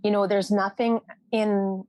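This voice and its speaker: A woman's voice: mid-range voice, level tone, a little slow, darkish tone, no echo. A woman from Canada speaks in earnest about her nursing work, often circling back over her phrases as she hunts for words. The sound is dry and close, with no room around her voice. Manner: earnest, repeats phrases while searching for words. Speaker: nurse guest. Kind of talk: podcast interview, personal reflection.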